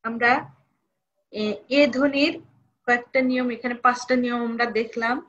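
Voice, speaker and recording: A woman's voice: on the high side, flat delivery, normal speed, fairly bright tone, highs cut off. A woman college lecturer giving a recorded lesson, repeating each rule and asking students questions.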